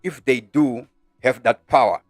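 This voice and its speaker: Zimbabwean male streamer, mid-pitched, casual live commentary full of "uh"s, dry sound over faint music. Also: a little slow, no room sound. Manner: many filler "uh"s, greets viewers live. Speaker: host of a live online news channel.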